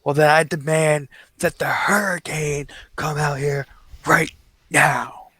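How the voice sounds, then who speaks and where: A man's voice: a little high, fairly even intonation, takes it slowly, pushed and bright, breathy edge, dry recording, exaggerated voice. A man voicing a demanding male wrestling manager who calls out an opponent.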